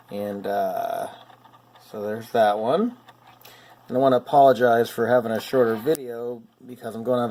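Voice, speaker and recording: A man's voice: medium pitch, darkish tone. A middle-aged man hosting his own hobby vlog, talking casually and wryly about restoring toy cars in his home workshop. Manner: chatty, self-deprecating, wry. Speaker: hobbyist channel host.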